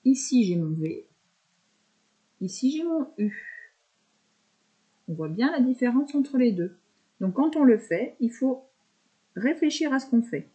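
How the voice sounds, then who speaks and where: Patient woman teacher, mellow lo-fi voice. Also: a little high, very animated. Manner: slow step-by-step verbalizing, patient. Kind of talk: handwriting lesson for young pupils.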